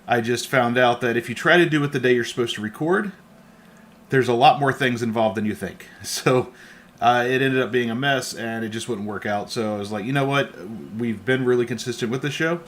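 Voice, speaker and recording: A man's voice: mid-range voice, a little fast, fairly bright tone, a little hiss or hum. A man co-hosting a casual podcast from a home studio, rambling and laughing often. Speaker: podcast co-host.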